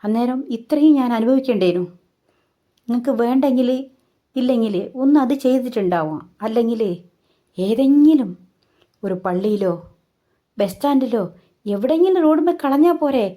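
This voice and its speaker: A woman's voice: a little high, expressive, moderate pace, long pauses, dark tone, close to an everyday voice. A woman voicing a grieving mother who bitterly reproaches her own mother in a raised, pleading voice.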